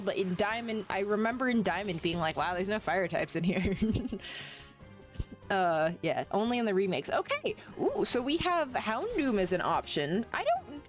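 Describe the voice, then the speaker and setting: A woman streaming a game, chatting casually, rambling and often gushing as she plays. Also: a little high. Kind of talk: casual live-stream chat while playing.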